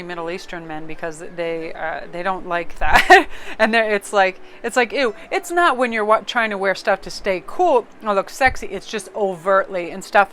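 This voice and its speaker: A woman's voice: mid-range voice, a bit bright, a little hiss or hum. A woman casually reading tarot cards aloud, chatty and rambling, often breaking into laughter. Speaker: tarot card reader.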